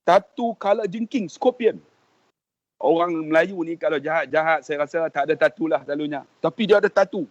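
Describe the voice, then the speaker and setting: A man's voice: a little high, fairly quick, dry recording. A man, a preacher and pilgrimage guide, telling an emotional religious story and earnestly addressing the host. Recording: dull lo-fi, dry sound.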